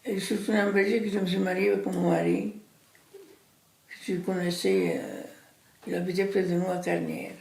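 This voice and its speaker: A woman in her eighties from Italy, speaking French with an Italian accent as her second language. She tells her story in halting, simple sentences and often repeats words. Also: lowish voice, animated, vocal fry, darkish tone. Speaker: interviewee recounting her immigration. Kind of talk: personal storytelling. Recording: echoey room.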